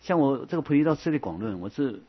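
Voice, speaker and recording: Husky-voiced man teaching Buddhist scripture. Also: medium pitch, animated, muffled recording. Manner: repeats phrases often, starts lines with a soft "hao"; slows down when reading scripture aloud. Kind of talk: Buddhist dharma lecture.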